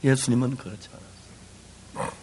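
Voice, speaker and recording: A male pastor preaching a sermon with great passion, moving between loud cries and hushed low tones. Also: steady tone, fast talker, breathy edge. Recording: long hall reverb.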